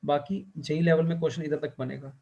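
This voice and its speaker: A male teacher lecturing a class, who keeps asking the students questions and fills his pauses with the same short check-in phrase. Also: a little high, steady tone, gravelly, dark tone, highs cut off. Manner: quizzes students and fills pauses with "theek hai".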